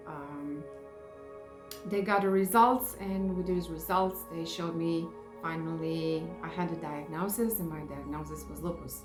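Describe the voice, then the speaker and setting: A Serbian woman speaks English as a second language with a Serbian accent, pausing and restarting as she searches for words. Her voice sits fairly low. She talks in an echoey room with music clearly playing underneath. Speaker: face yoga vlogger. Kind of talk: personal testimony vlog.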